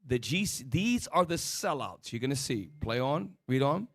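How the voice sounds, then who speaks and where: A man's voice: mid-range voice, big pitch swings, moderate pace, fairly bright tone. A man leads a religious teaching session, firing rhetorical questions and short commands to an assistant. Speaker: religious teacher leading a discussion.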